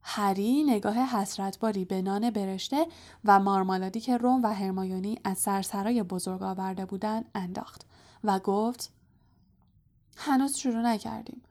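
A woman narrating an audiobook in a calm, soft storytelling voice. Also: mid-range voice. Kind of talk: scripted narration.

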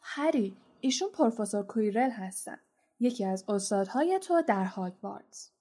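A woman's voice: mid-range voice, expressive, dark tone, lightly acted. A woman reading a storybook, voicing a big friendly male groundskeeper who talks in a hearty, chatty way. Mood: calling out.

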